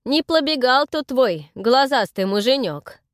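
A woman doing a gruff burly bandit man. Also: high voice, lively intonation, unhurried, no room sound, clean studio sound, pitched above the performer's own voice. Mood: mocking. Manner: rough barking shouts.

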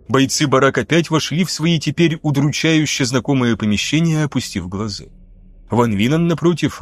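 A man narrating an audiobook in a steady, dramatic reading. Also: mid-range voice.

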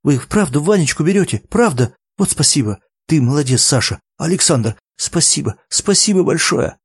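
A frantic middle-aged woman who runs an orphanage, pleading in rapid chatter, put on by a male narrator. Her voice is pitched up, and the storybook reading sounds dry and close. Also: animated, dark tone, no echo.

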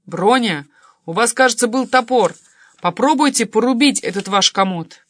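A woman's voice: on the high side, expressive, moderate pace, a bit bright, dry recording, studio quality, voice pushed up. A woman voicing a brusque, commanding middle-aged male neighbor in an audiobook.

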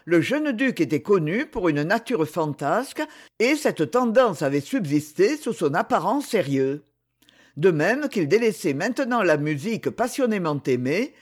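A man reading a novel aloud with an expressive, dramatic delivery. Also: high voice. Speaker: audiobook reader. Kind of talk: novel narration.

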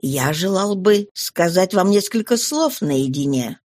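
A woman voicing a calm, humble man under arrest who pleads in a hushed voice, in a storybook reading. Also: lowish voice, a little slow, dry recording. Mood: quiet, pleading. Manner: quiet, restrained pleading.

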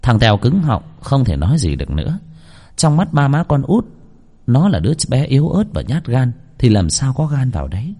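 A man narrating a ghost story in an expressive storytelling manner. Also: mid-range voice, normal speed, husky.

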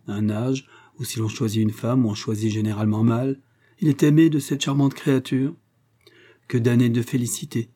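A man reading a novel aloud, voicing a grave, earnest gentleman suitor with a slightly raised, fuller voice. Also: medium pitch, close to an everyday voice. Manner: grave and earnest, rising in warmth. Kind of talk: audiobook character reading.

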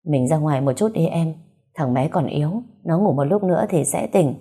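Woman doing a gentle young doctor guy from a story, low mellow voice, soft and reassuring. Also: lively intonation, normal speed, breathy edge, full character voice. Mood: soothing. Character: gentle young male doctor, calm and protective.

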